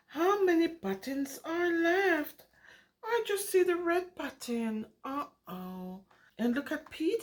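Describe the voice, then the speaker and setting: Reading a picture book to small children, a woman speaks in a high, unhurried voice. She makes the session lively and interactive, using a singsong, exclamatory delivery with wide pitch swings while quizzing her young listeners.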